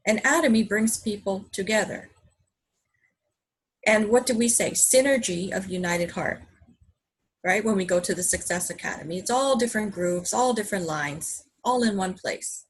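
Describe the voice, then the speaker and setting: A business presenter from Hawaii, a woman whose first language is English, delivers an earnest, enthusiastic motivational talk full of rhetorical questions for her listeners. Her mid-range voice has a breathy edge, and the audio quality is poor.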